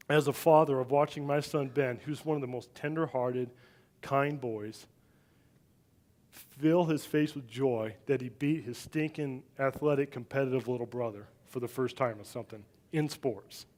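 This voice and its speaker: A middle-aged man preaching a sermon, telling a family story with animated, loud swings when he acts out what people said. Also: mid-range voice, moderate pace. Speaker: pastor. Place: church sanctuary.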